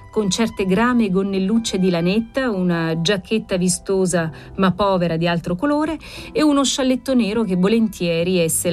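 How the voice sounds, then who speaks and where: A woman reading a classic novel aloud as an audiobook, measured and expressive. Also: mid-range voice. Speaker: audiobook narrator.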